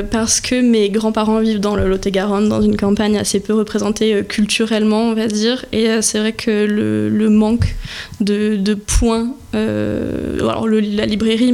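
Young woman, flat gravelly voice. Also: mid-range voice. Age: 20s. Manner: measured, many hesitations. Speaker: bookshop owner, guest. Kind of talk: radio interview answers. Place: radio studio.

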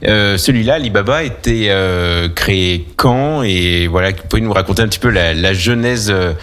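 A male radio host with a low voice, building his questions slowly and filling gaps with hesitant sounds. His tone stays friendly and unhurried as he steers the guest. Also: fairly bright tone. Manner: hesitant, many fillers while forming questions. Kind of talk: radio interview.

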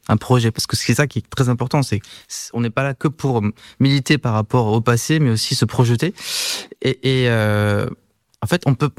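A man's voice: mid-range voice, no echo, studio quality. A man in his thirties, born in France, speaking as a researcher guest in a podcast interview, hesitant with many fillers and restarts.

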